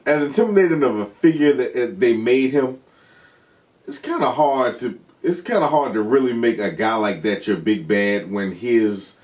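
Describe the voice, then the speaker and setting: A man's voice: medium pitch, expressive, moderate pace, darkish tone. A man co-hosting a TV review show, chatting casually, eagerly talking over his partner and calling him bro. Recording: roomy, distant from the mic.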